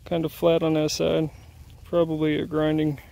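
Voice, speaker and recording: A man with a somewhat high, gravelly voice talks casually as he walks a crop field. He rambles in an easygoing, self-deprecating way. The sound comes from a handheld camera outdoors. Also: monotone, moderate pace, mellow. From Indiana. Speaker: arrowhead hunter filming his finds. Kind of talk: casual outdoor vlog narration. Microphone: handheld camera mic.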